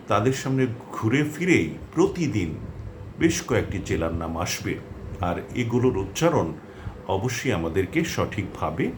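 A man giving a pronunciation lesson, reading a list of names slowly and enunciating each one clearly. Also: lowish voice, noisy background. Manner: slow, careful enunciation of each name; clear, measured delivery. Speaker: pronunciation teacher.

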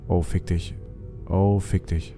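A man's voice: low voice, level tone, slow pace, dark tone, soft background music. A young man commenting on a survival game, whispering when he sneaks and yelping when startled. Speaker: let's player. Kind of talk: gaming commentary.

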